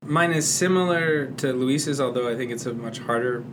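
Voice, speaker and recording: A man's voice: mid-range voice, normal speed, noisy background. A man from Michigan, a medical fellow, explaining his reasons earnestly and steadily on a podcast panel. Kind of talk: casual panel discussion.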